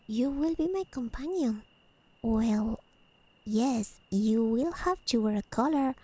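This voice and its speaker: Crickets chirp in this soft-spoken ASMR roleplay as a woman performs a haughty high-realm fae lady in a full character voice. It is high and mellow with a creaky edge, and her elegant, formal phrasing is coaxing, teasing and possessive. The recording is low-quality with no echo.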